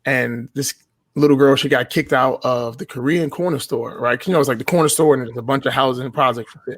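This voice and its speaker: Fast-talking, profane man telling stories. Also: medium pitch, no room sound. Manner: blunt and profane, laughs while telling stories. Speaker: podcast guest. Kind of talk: casual storytelling.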